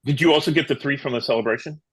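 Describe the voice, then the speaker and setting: A man's voice: medium pitch, rapid-fire, breathy edge. A man chatting casually as a player in a tabletop game, thinking aloud.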